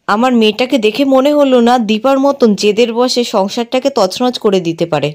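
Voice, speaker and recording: Sharp-tongued middle-aged aunt who scolds and disapproves, read out by a woman narrator. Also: a little high, moderate pace, lightly acted. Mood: scolding.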